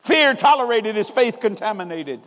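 Man, very high voice, sermon, call-and-response emphasis, long reverb. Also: expressive, moderate pace, fairly bright tone, a little hiss or hum. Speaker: preacher.

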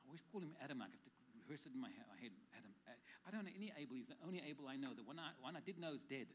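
A man in the middle of a church service, giving personal prophetic words to people in the congregation. He talks at a rapid clip, emphatic, with quick jokes along the way. A faint hum of the room sits under his voice. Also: medium pitch, expressive. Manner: fast, emphatic, joking asides.

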